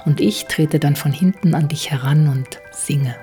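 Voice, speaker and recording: A woman's voice: sits low, normal speed, dark tone, faint music behind, natural voice. A woman reading Jule, an eager middle-aged woman. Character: middle-aged woman, curious, warm, impulsive.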